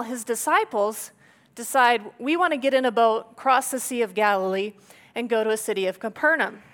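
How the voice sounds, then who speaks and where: A woman's voice: a little high, fairly bright tone. A woman pastor giving a conversational sermon, retelling scripture with playful asides and acted-out quotes.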